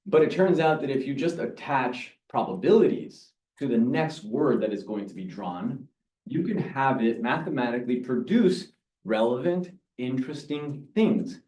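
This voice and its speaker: A man giving a lively talk to a meeting audience, explaining with examples and asking questions. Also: mid-range voice, moderate pace. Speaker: presenter. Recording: echoey room, mic from far off.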